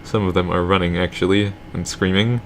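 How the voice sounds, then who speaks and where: Reading the game text of a visual novel aloud, this let's play co-host speaks in a low, steady voice at a fairly quick pace. His asides are dry and wry, and there is a little hiss or hum in the recording.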